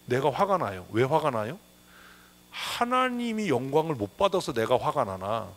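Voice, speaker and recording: A man's voice: medium pitch, very animated, moderate pace, fairly bright tone. A man preaching a sermon as pastor, emphatic, often asking rhetorical questions. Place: church sanctuary.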